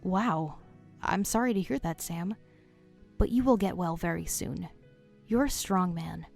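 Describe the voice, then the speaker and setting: A woman voicing a treacherous man in an animated story, who feigns sympathy for his sick friend. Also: on the low side, unhurried, vocal fry, faint music behind. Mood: fake sympathy. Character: treacherous male best friend and lover.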